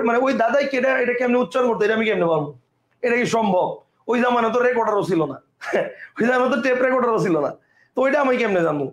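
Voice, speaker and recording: A man with a Bangladeshi Bengali accent, teaching an online lecture and often asking his students whether they understand. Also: extremely high pitch. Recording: roomy echo.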